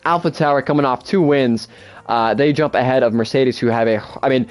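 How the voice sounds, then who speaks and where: A young man doing casual gameplay commentary on a racing management game, excitable and swearing freely. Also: medium pitch, brisk, soft background music. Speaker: gaming YouTuber.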